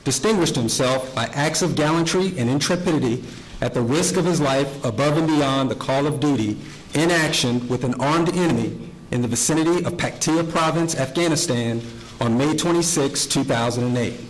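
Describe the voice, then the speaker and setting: An American man reads a formal military award citation aloud, crisp and measured, in set official phrases. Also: mid-range voice, rough recording. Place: formal ceremony before an audience.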